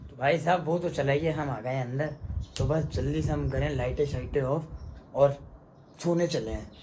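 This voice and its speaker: A man's voice: a little high, normal speed, very noisy. Chatty young vlogger man. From Pakistan. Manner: chatty, playful, addresses viewers as guys and brother. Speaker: family vlogger. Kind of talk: casual vlog narration to camera.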